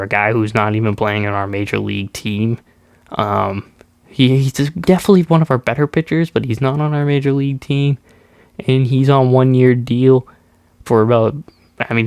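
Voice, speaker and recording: A man's voice: mid-range voice, smooth, no room sound. Stuffed-up young man recapping a game. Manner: relaxed recap with frequent ums and restarts. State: stuffed-up nose. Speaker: gaming YouTuber. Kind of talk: casual gameplay commentary.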